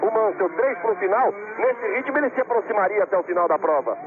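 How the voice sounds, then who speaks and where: Male Brazilian race commentator, high-pitched, dramatic live play-by-play with emphatic repeats, narrow tinny broadcast audio. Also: animated, quick pace. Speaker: motorsport commentator. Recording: tinny radio-like broadcast, engine noise behind.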